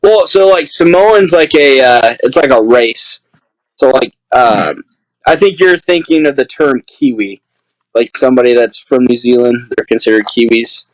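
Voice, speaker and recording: A man's voice: medium pitch, normal speed, no room sound, rough recording. Laid-back young man on a video call. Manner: laid-back, rambling with many fillers. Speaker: guest, pro wrestler. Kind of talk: casual podcast interview. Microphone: webcam on a video call.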